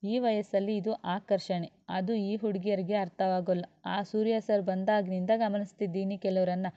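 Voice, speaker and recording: A woman's voice: medium pitch, fairly even intonation, moderate pace, warm tone, highs cut off, close to an everyday voice. Woman voicing a strict scolding woman lecturer. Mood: disapproving.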